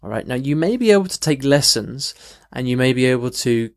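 A man's voice: medium pitch, expressive, brisk. Chatty man teaching pronunciation. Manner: conversational, many restarts and "okay" check-ins. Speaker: language teacher, podcast host. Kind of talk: unscripted podcast lesson. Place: in London.

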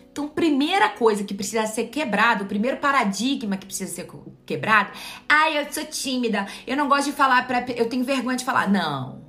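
A young woman with a Brazilian Portuguese accent gives a motivational, faith-based talk straight to her viewers. She is forceful and direct, and her pitch swings widely as she drives each point home. Soft music plays faintly underneath. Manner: emphatic and direct, preachy, addresses the viewer as "you". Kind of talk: motivational live-stream talk to followers.

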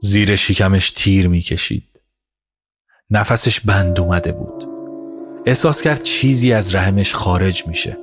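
Low-voiced male storyteller over music. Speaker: narrator. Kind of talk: scripted audio story narration. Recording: narration over music score. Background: music score.

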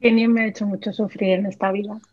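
A woman's voice: mid-range voice, flat delivery, fast, highs cut off. A woman in a casual book chat, talking in an earnest, explanatory way.

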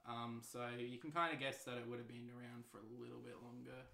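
A young man co-hosts a chatty podcast, laying out his explanations in between frequent laughs. His pitch is ordinary. His voice rings with a roomy echo. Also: little pitch movement, brisk, vocal fry, a crowd in the background. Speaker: podcast co-host. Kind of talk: casual chat.

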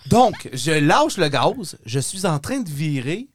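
A man's voice: on the high side, big pitch swings, slow pace, no room sound, studio quality. A man with a Québécois French accent, telling a story in casual chat, laughing often and slipping in English phrases.

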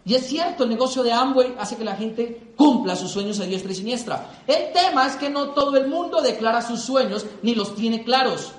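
Middle-aged Colombian man, high voice, lively stage speaker telling stories in an echoey hall. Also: moderate pace, few pauses. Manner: animated storytelling, acts out dialogue. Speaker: motivational speaker. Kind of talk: motivational talk to an audience.

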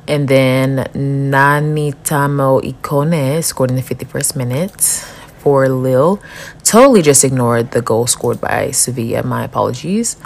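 A young woman hosting a casual football podcast, chatty and rambling with quick asides. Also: very deep voice. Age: young adult. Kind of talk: casual chat.

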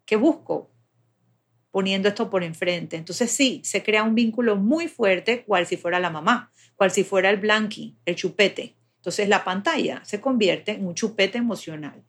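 A woman's voice: mid-range voice, normal speed, slightly rough. A woman explaining child development step by step in a patient, conversational way.

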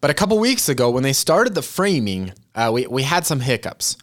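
A man's voice: medium pitch, sing-song, fairly quick, fairly bright tone. A man in his twenties hosting a podcast, talking casually and earnestly to his listeners about goals and chatting to them like friends. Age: 20s. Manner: earnest, chatty, addresses listeners as "you guys". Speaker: podcast host. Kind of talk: casual motivational talk.

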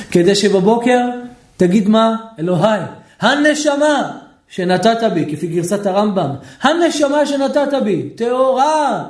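A man, a rabbi, teaching a lively Torah lesson, questioning his listeners and acting out shouting people. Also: high-pitched, reverberant. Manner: animated, asks the audience questions, acts out shouting people.

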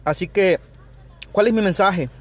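A man's voice: high-pitched, measured pace. A Salvadoran man hosting a solo podcast, talking in an earnest, opinionated way, with frequent restarts and "ok" check-ins. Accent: Salvadoran Spanish. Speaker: podcast host. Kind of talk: spontaneous solo podcast monologue.

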